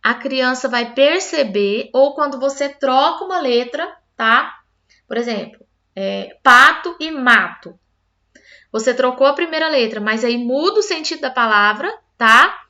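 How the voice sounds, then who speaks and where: A woman's voice: high voice, lively intonation, moderate pace, bright, forceful tone, lo-fi sound. A woman teacher explaining a lesson patiently, step by step, often checking in with her listeners. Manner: patient, explains step by step with frequent "tá?" tag questions.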